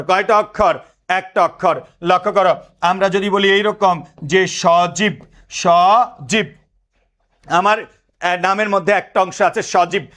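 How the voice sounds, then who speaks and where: A man's voice: high-pitched, fairly bright tone. A man gives a lecture. He keeps asking his students questions and repeating the answers. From Bangladesh. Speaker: teacher.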